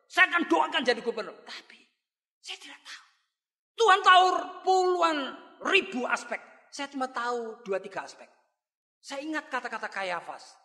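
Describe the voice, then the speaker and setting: A man with an Indonesian accent preaching a sermon as pastor, telling stories lively and acting out the characters' lines. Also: very high-pitched, in a large hall.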